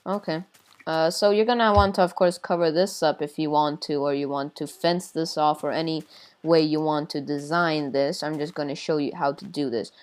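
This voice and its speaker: A woman's voice: deep voice, fairly even intonation, moderate pace. A woman casually explaining a game build, hesitant with many fillers and playful sound effects. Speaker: tutorial builder. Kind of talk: casual game tutorial chat.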